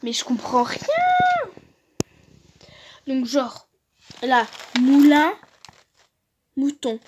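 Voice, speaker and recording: Young female vlogger, fairly high voice, chatty and joking, drifts into mumbles. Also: fairly even intonation, drawn-out words, noisy background. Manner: chatty, reads aloud and jokes, trails off into mumbles. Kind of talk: casual vlog commentary.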